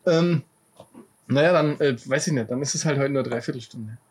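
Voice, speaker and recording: A man's voice: medium pitch, normal speed, darkish tone, slight background noise. A man co-hosting a podcast, teasing playfully and laughing often. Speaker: podcast co-host. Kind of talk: casual podcast banter.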